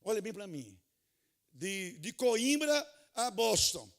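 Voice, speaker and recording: A high-voiced preacher man addressing fellow pastors in a conference hall. He talks with lively, animated swings, hushing to low asides and then climbing into loud shouted praise. He acts out little scenes with a joking touch. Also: takes it slowly.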